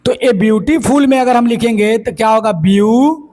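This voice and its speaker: A man's voice: very high voice, steady tone, a little fast, a little mellow. A man teaching English grammar as a lecture, explaining step by step and asking and answering his own questions. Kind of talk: classroom lecture.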